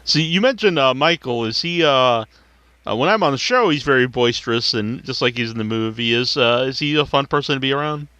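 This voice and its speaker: A male podcast host who asks questions in a relaxed, halting way, with many fillers. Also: mid-range voice, clean tone, no room sound. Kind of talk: casual interview chat.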